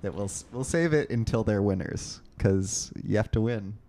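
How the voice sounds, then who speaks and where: Male podcast host from New York, low voice, loose and joking, runs the chat. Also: moderate pace, mellow. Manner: joking, talkative, leads the conversation. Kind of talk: casual chat.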